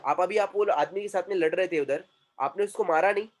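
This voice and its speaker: ऊँची आवाज़ वाला पुरुष प्रशिक्षक. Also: male voice, high-pitched, fairly quick. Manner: repeats key phrases, quizzes students. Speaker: communication trainer. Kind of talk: classroom lecture.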